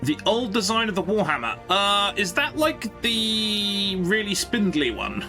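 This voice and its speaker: Lively, bright-voiced man streaming a game. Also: sits high, measured pace, soft background music. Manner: rambling and chatty, thinking aloud to viewers. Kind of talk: casual live-stream chat.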